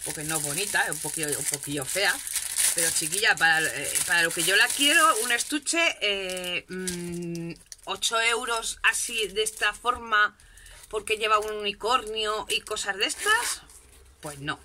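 Chatty woman with a bright voice. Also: medium pitch, animated, measured pace, a little hiss or hum. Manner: chatty, self-mocking, frequent "¿vale?" check-ins. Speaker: crafting vlogger. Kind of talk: casual shopping haul chat. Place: home craft desk, indoors.

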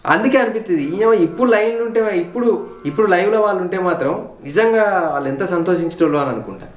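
A man's voice: high voice, expressive, quick pace, echoey room, soft background music. A man with a Telangana Telugu accent, a vlogger telling his family's story in a heartfelt, reflective way, repeating words for emphasis. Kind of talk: personal storytelling on a home tour.

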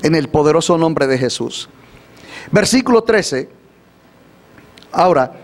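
A man preaching a sermon in Spanish, often asking the congregation to repeat after him and answer his questions. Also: high-pitched. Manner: asks the congregation for call-and-response, repeats questions. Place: church or studio, livestreamed.

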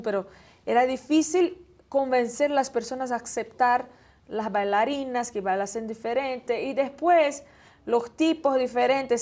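A young woman with a Brazilian Portuguese accent answers interview questions in a fairly high voice. Portuguese is her first language, and she feels her way toward each word, now and then asking for one. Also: darkish tone. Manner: searches for words, asks for help with them. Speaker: singer, interview guest.

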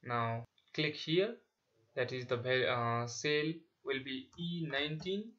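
Slow-paced man dictating tutorial steps. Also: medium pitch, a bit bright. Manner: dictating instructions in short, halting phrases. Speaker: spreadsheet tutorial instructor. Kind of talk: step-by-step software tutorial narration. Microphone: voice-over on a screen recording. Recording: dull, lo-fi sound with clicking.

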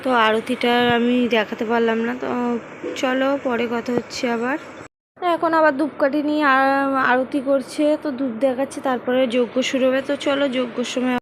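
A woman's voice: high voice, fairly even intonation, a little fast, a little hiss or hum. A middle-aged woman chatting casually to viewers as she narrates a family home vlog, rambling and addressing them directly. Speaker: vlogger.

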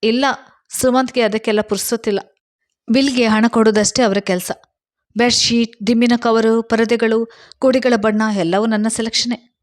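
A woman's voice: a little high, steady tone, normal speed, dry recording, clean studio sound, lightly acted. A woman reading a storybook voices a self-pitying young housewife who talks in a crying, complaining tone. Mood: plaintive.

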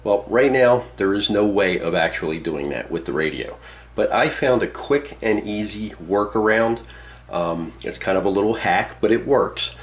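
Seated indoors at a radio and computer desk, a man who does amateur radio talks casually through a how-to demo, explaining each step plainly. His voice is lowish and animated, at normal speed.

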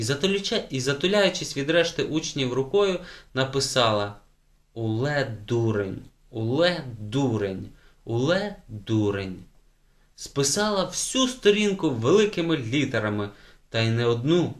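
Guy reading a kids audiobook, medium voice, lively storytelling. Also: medium pitch, normal speed. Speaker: audiobook narrator. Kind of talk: scripted narration.

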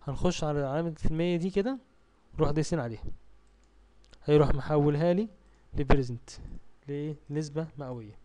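A man with an Egyptian Arabic accent teaching a spreadsheet tutorial over a screen recording, reading English task steps slowly and asking himself questions as he clicks through. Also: a little high, mellow. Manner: asks and answers his own questions while clicking through steps; reads English task text slowly, then explains. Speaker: software tutor.

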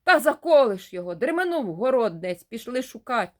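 A woman's voice: fairly high pitch, big pitch swings, a little fast, a little mellow, pitched above the performer's own voice. A woman voicing a brash young village man who swears and talks in coarse, slangy dialect. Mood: gruff.

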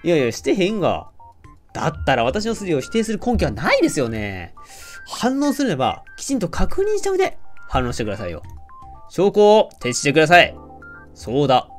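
A man with a Kansai accent streaming a mystery game, reading out the characters' lines and joking along with playful, animated commentary. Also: on the high side, a little fast, soft background music. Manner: playful, animated, jokes with the game and often laughs.

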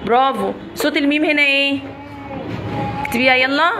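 High-voiced Egyptian teacher praising pupils. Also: female voice, a little fast. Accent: Egyptian Arabic. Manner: encouraging, praises and prompts pupils by name. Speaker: primary school teacher. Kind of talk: classroom teaching. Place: classroom with young pupils. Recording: noisy classroom ambience.

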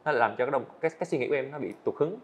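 An eighteen-year-old animator, a guest on a podcast, tells his story candidly in an indoor studio. His medium-pitched voice is expressive and rapid-fire, and he sounds earnest, often restarting hesitantly. The recording has a dull, lo-fi quality.

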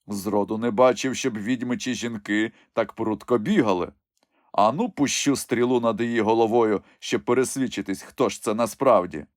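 A man's voice: fairly low pitch, moderate pace, no echo, clean studio sound, lightly acted. A man voicing a big, good-humored outlaw archer.

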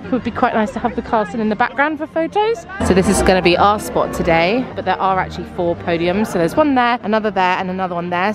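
A woman in her thirties chatting casually and explaining things as she films herself outdoors at a theme park. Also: medium pitch. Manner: chatty, upbeat, tour-guide explaining. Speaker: vlogger. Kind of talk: casual travel vlog chat. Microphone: handheld camera at arm's length. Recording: outdoor camera audio with loud music and crowd. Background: loud music and crowd.

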